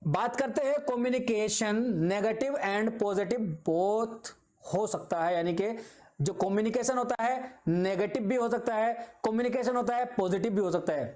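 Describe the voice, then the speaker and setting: A man's voice: high-pitched, measured pace, darkish tone. A man teaching an exam-prep video lecture. He explains patiently with simple examples, repeats his points and keeps checking in with his students.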